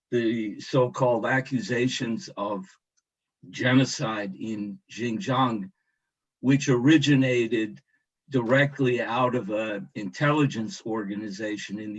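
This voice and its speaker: A man from the United States giving slow, measured remarks with many hesitations in an online discussion. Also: mid-range voice. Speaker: guest commenter. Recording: dull lo-fi sound.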